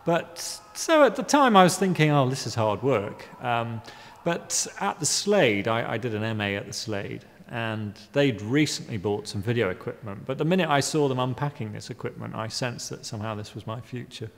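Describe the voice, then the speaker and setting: A man in his fifties from Guyana answers interview questions about his art, halting and wry, full of ums and restarts. His voice is gravelly. The sound carries a long reverb from a large exhibition space. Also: mid-range voice, expressive, slight background noise. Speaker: artist interviewee. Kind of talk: hesitant reflective interview answers. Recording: reverberant room.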